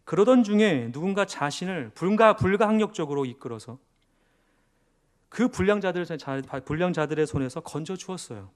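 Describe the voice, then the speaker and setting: A male pastor preaching a sermon in church, swinging from loud emphasis to hushed near-whispers and asking questions that he answers himself. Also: sits high, lively intonation, moderate pace.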